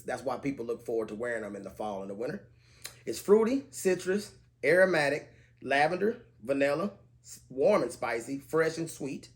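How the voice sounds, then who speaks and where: Speaking at a medium pitch, a man casually reviews budget fragrances to camera. He sounds relaxed, listing the scent notes in an even cadence.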